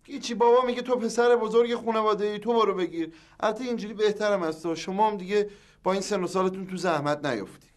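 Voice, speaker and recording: An actor playing an excitable grown son in a sitcom who blusters, then meekly gives in. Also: male voice, sits high, close to an everyday voice. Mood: arguing. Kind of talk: sitcom acting.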